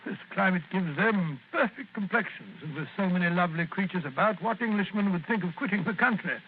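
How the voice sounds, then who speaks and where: A man's voice: sits high, brisk, natural voice. Dr Watson, a chuckling old storyteller, played by a man. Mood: chatty. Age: older. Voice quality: warm, chuckling, stammering. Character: older male Dr Watson, genial, chatty and sentimental. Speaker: narrator and storyteller. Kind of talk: 1940s radio drama acting. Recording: tinny old radio broadcast with faint hiss.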